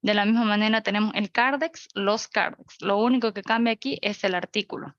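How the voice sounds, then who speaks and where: A woman's voice: medium pitch, fairly quick, a bit bright, no echo, dull audio. A young woman teaching an online class. She goes through examples one by one and checks in with her listeners. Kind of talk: virtual grammar lecture. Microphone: video call.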